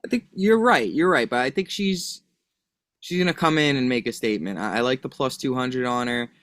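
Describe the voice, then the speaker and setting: A man talking as a betting analyst on a podcast, defending his picks with a string of "I think" asides. His voice has an ordinary middle pitch. It comes across close and dry, with no room sound. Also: lively intonation, brisk, a bit bright, no echo. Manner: hedging, argues his picks with lots of "I think". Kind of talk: casual chat.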